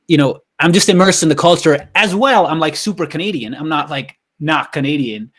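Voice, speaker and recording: A young man from India co-hosting a casual podcast, talking loosely and excitedly with lots of fillers. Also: on the high side, a little fast. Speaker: podcast co-host. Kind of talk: casual chat.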